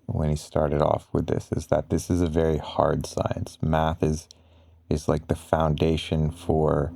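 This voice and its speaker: A man with a very low, dark and mellow voice talks slowly, as in bedtime pillow talk for ASMR. He rambles casually through explanations, pausing often. The delivery stays flat and relaxed. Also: creaky, no room sound, clean studio sound. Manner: halting, rambling, casual explaining with frequent pauses. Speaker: ASMR content creator.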